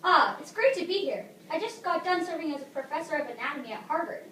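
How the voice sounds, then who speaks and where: A woman's voice: high voice, lively intonation, quick pace, pushed and bright. A teenage girl playing a chatty, self-doubting retired male poet and professor who explains things like a teacher. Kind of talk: amateur talk-show skit. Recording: echoey room, distant mic, faint noise.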